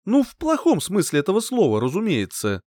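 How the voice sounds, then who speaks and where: A man's voice: high voice, wildly swooping pitch, brisk, warm tone, no room sound, voice pushed up. A man voicing a cheerful, cocky young knight who teases with a grin, in a dry audiobook reading. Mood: teasing. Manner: teasing, playful grin in the voice.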